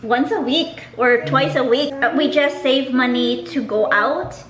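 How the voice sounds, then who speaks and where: A woman's voice: sits high, unhurried, a bit bright, reverberant, rough recording. A woman, hosting a casual question-and-answer chat and reading out viewer questions. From Philippines. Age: 30s. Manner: chatty, reads out viewer questions. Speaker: vlogger host.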